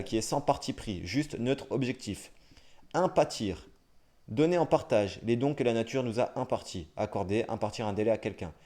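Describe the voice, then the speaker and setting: A young man streaming live, reading dictionary entries aloud at a brisk clip and breaking off for wry, self-mocking asides. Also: lowish voice, dark tone. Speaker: livestreamer.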